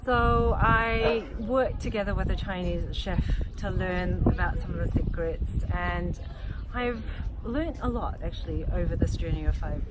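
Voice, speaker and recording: A woman's voice: on the low side, unhurried, few pauses, heavy background noise. A woman from New Zealand, a guest in a casual interview, explaining things in a chatty way with frequent yeahs.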